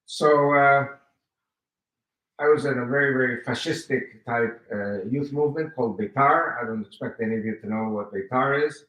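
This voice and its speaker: Heard at a distance in a spacious, echoing hall, a US guest speaker in his seventies tells his personal story to a live audience. Spanish is his first language. His voice is bright, forceful, and medium-pitched at a normal speed, and he animatedly performs the quoted exchanges in his testimony.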